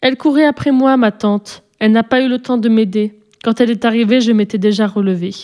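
A small storybook girl pleads in a high, earnest voice, close to tears, as a woman reader puts her on. The tone is soft and mellow rather than bright. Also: fairly even intonation, fairly quick, close to an everyday voice. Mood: pleading. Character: little girl, remorseful and tearful.

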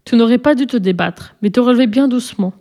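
A woman reading aloud and voicing a gentle but firm mother in a storybook, measured and gently admonishing. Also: on the high side, natural voice. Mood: questioning.

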